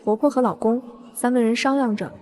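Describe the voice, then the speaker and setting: A woman's voice: on the high side, brisk, a little mellow. A woman narrating a first-person revenge story in a cool, smug way.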